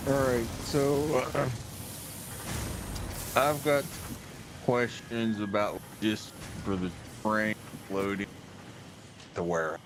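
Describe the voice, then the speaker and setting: A man in casual gaming voice chat, halting and restarting his phrases while his connection breaks up and drops syllables. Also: fairly low pitch, steady tone, music in the background. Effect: voice chat connection breaking up, dropping syllables. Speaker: co-op game player. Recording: noisy, choppy online voice chat.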